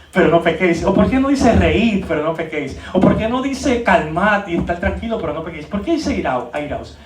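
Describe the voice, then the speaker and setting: Man, preacher, animated teaching, rhetorical questions, roomy echo. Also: high voice, recorded from a distance, a little hiss or hum. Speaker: preacher teaching a leadership training. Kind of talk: church teaching talk.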